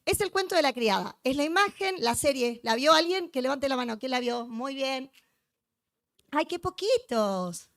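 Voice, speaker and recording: Woman, high-pitched, dry close sound, joking conference lecture, teases the crowd. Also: lively intonation, normal speed, a bit bright, dry recording. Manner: chatty, joking, teasing the audience. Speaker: conference speaker. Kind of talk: lively lecture to a live audience. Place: conference hall with audience.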